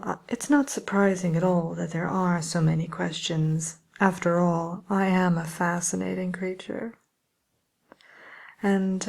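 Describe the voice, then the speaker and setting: Woman playing the creaky, haughty Wicked Witch of the West. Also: on the low side, a little mellow, heavily acted. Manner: haughty, drawling, self-satisfied. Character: vain, condescending wicked witch from a fairy tale. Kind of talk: in-character ASMR chat show monologue.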